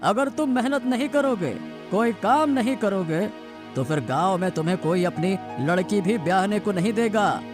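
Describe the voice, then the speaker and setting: Voicing an old village farmer father in an animated cartoon moral story, a man speaks in a high, expressive voice at a moderate pace, worried and scolding as he exhorts and admonishes. Background music plays behind the dialogue.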